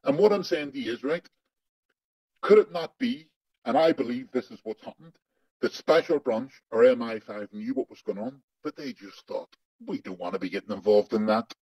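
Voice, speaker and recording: A man's voice: medium pitch, moderate pace, darkish tone, slightly rough, no echo. A man interviewed about his past with his voice digitally altered to hide who he is. He talks bluntly and emphatically, swears often and repeats words for stress, over a dull remote connection. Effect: voice digitally altered to disguise identity. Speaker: interviewee, former undercover agent. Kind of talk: angry first-person testimony in an interview.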